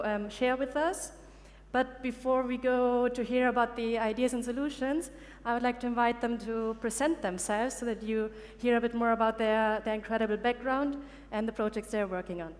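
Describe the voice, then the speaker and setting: A woman's voice: fairly high pitch, fairly even intonation, normal speed, a little mellow, long reverb tail. A woman hosting a conference session, presenting fluently and upbeat. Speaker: event host. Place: large conference stage.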